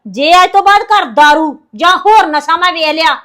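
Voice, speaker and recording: A woman acting a defiant young wife who talks loudly and scolds and threatens her husband. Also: extremely high pitch, expressive, moderate pace. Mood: furious. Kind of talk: web drama acting.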